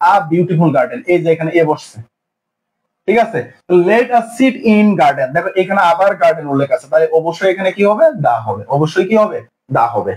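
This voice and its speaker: A man's voice: on the high side, rough recording. A young man teaching an exam-prep grammar lesson, asking questions and answering them himself in repeated drills. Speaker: English teacher.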